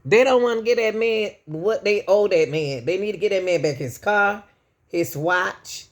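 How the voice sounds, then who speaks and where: A channel host with a medium-pitched voice gives casual opinion commentary slowly and preachily. She often calls out to "y'all."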